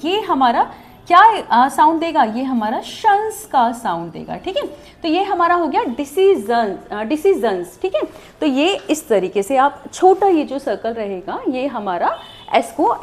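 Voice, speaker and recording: A woman teaching a shorthand class online, explaining step by step and often checking that students follow. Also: high-pitched. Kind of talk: online lesson.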